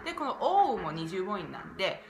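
A woman gives a casual vlog lesson on pronunciation, drawing vowels out slowly when she demonstrates them. Her voice sits in the middle of the range. The recording carries a roomy echo. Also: mid-range voice, sing-song, a little hiss or hum. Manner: demonstrates vowel sounds with drawn-out, exaggerated syllables. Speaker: jazz vocalist teaching English pronunciation.

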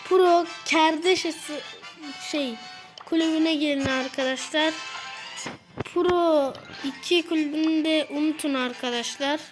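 A young girl hosting her gaming channel, commenting casually and excitedly as she plays against her brother. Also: high voice, unhurried, rough recording. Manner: excited, taunting during play. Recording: game music playing behind the voice.

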